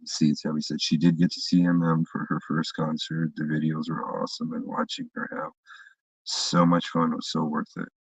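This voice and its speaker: A man's voice: rumbling low, monotone, normal speed, vocal fry, breathy edge, no room sound. A man in a casual chat, telling a story in a heated, profane way, heard from a distance on a dull recording.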